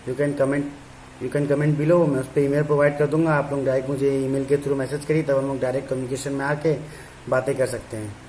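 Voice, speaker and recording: A man's voice: medium pitch, flat delivery, brisk, warm tone, slight background noise, rough recording. A male teacher chatting with his students in an online class, talking casually and teasing them fondly.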